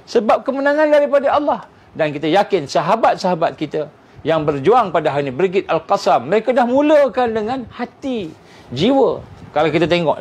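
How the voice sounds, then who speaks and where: A man preaching with a Malaysian Malay accent, swinging between high emphatic peaks and low, soft, slowly chanted recitation. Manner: slow chanted Quranic recitation. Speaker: religious teacher. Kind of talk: sermon.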